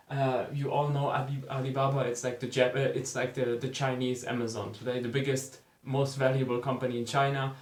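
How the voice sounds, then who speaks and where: A man with a mid-range voice hosts a beginner-friendly finance explainer. He talks to his viewers directly in a relaxed, chatty manner. His voice rings in a noticeably roomy, echoing space. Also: medium pitch. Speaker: finance video host.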